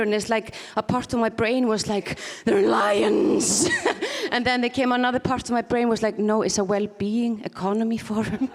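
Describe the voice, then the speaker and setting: A woman from Iceland with a slightly high voice and an accent blending Icelandic, Scottish and English performs self-mocking stand-up comedy on a conference stage. She laughs at her own jokes, and the sound has a big-room quality.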